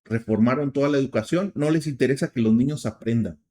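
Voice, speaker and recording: A middle-aged Mexican man hosting a program of earnest religious commentary, often restarting his sentences and filling pauses. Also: mid-range voice, warm tone. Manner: earnest, with frequent restarts and fillers. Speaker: program host.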